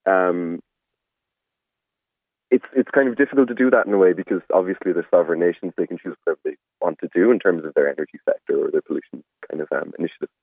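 A man with a deep voice speaks as a radio caller. He is polite and hesitant, often hedging, over a narrow, dry phone line. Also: quick pace, gravelly, slightly rough, no echo. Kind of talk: tentative spoken argument.

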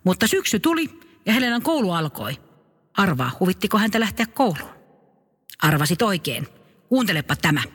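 Playful, high-voiced male storyteller. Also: long pauses, husky, long reverb tail. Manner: playful, lively, addresses the listener. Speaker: narrator. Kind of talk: scripted storytelling narration.

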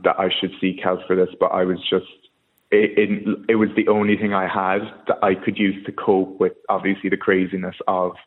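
Low, monotone Kerry Irishman on muffled line. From Kerry, Ireland. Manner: hesitant, halting phrasing. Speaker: radio phone-in guest. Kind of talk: personal account in a radio interview. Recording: muffled narrow-band call.

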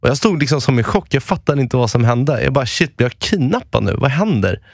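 A young man co-hosting a casual podcast, telling his side of a story briskly and with energy. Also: mid-range voice, lively intonation, vocal fry, dry recording, studio quality. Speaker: podcast co-host. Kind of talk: casual chat.

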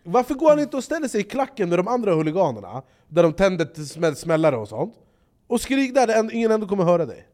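A man talking in casual podcast chat, fired up and swearing freely. His voice swings widely, and he acts out other people's lines in loud voices. He sits a little higher than most men. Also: very animated. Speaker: podcast co-host.

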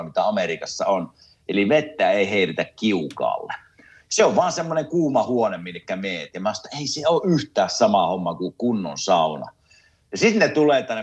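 A man from Finland living in America, chatting casually about hockey and telling stories with laughter. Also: lowish voice. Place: home in America.

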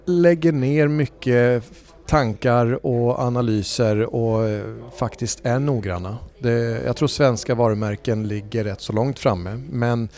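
A man's voice: mid-range voice, fairly even intonation, darkish tone. A man, a voice agency head and voice-over speaker, answering interview questions in a thoughtful way with frequent fillers and restarts. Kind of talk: conversational interview.

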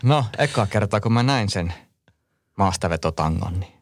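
A man's voice: lowish voice, expressive. A man co-hosting a casual podcast, joking around and laughing a lot. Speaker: podcast co-host.

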